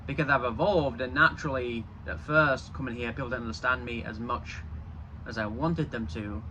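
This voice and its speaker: A young male vlogger from Yorkshire in northern England talks casually and rambles, often restarting his sentences, in a Yorkshire accent with a slight Canadian twang. His voice is medium-pitched, bright and forceful, with fairly even intonation and a moderate pace. The recording has its highs cut off and carries a little hiss or hum.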